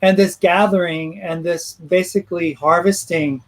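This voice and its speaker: A man's voice: sits high, steady tone, moderate pace. A man hosting a casual panel show who poses questions to his guests. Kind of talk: asking questions in a panel discussion.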